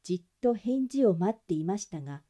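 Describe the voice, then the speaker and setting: A woman narrating a classic detective novel in a gentle, even storytelling voice. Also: medium pitch, brisk. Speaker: audiobook narrator.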